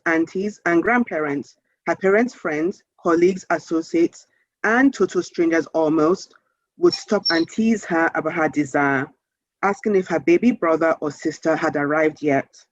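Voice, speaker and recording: A woman author reads a children's story aloud in a measured, expressive storytelling style. Her voice is on the low side, and the audio is dull with no echo.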